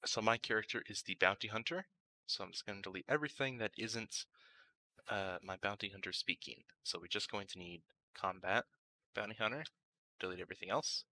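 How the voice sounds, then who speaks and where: Briskly, a male host talks his way through a software tutorial, casually explaining every step as he thinks aloud. There's gravel at the edges of his low voice, yet it stays very bright and forceful.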